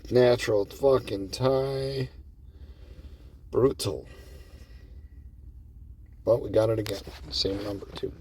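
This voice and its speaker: A man's voice: fairly low pitch, takes it slowly, long pauses, a little mellow, far from the mic, a little hiss or hum. A man talking casually from inside his parked car, cussing often and calling his viewers bro while commenting on his play. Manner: laid-back, swears often, calls viewers bro. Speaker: gambling strategy vlogger.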